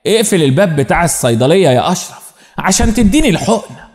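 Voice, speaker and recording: A sharp, scolding middle-aged Egyptian wife who runs everyone around her, as a man narrator puts her on. The voice sits high and swings widely in pitch, with a long reverb trailing after each line of this spoken story. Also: big pitch swings, quick pace. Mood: sly. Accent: Egyptian Arabic. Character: bossy, bad-tempered middle-aged woman pharmacist's wife.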